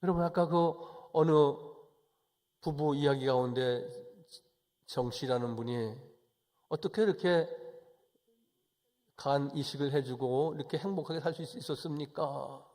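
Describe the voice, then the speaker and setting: A male pastor giving a Sunday sermon, moving from calm, chatty explanation to forceful, raised exhortation. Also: a little high, a little slow, long pauses.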